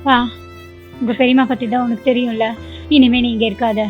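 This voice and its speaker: Here is a woman playing a firm mother sending her son away, issuing short, insistent commands. Her voice sits a little high and comes through thin and phone-like. Faint music plays under her. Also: steady tone, a little fast, lightly acted. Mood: stern.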